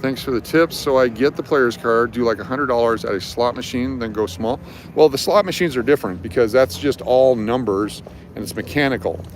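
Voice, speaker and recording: A man with a mid-range voice speaks briskly as he leads a live walking tour after dark. Outdoors on a noisy city street full of traffic, this livestream host and street guide explains things in a casual, informal manner.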